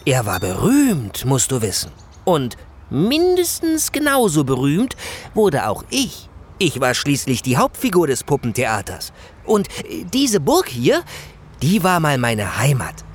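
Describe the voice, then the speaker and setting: A man playing a kindly, nostalgic old Kasper hand puppet in a children's audio drama, with a husky voice and expressive storytelling. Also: a little high, measured pace, heavily acted. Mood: proud, nostalgic.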